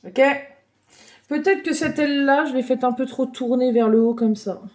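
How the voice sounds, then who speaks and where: A woman giving a gentle, chatty drawing lesson for children, thinking aloud as she tells a story. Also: high-pitched, normal speed.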